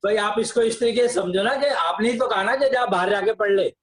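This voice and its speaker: A man's voice: high voice, a little fast, a bit bright. A man explaining tradition in a casual discussion, insistent and lecturing. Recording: echoey room.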